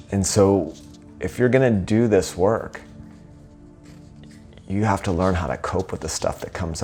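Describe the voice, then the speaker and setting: A man with a very low voice talks through his report in a loose, earnest way, circling back and restarting his sentences as he goes. Faint music sits in the background. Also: gravelly, a little mellow. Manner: rambling, earnest, with frequent restarts and fillers. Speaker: host of a personal video report. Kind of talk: casual spoken report.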